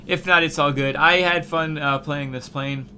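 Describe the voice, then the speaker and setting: A man's voice: a little high, fairly even intonation, normal speed, sharp tone, slight background noise. A man hosting a flight-game video, giving casual, rambling commentary full of fillers and restarts. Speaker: gaming video host.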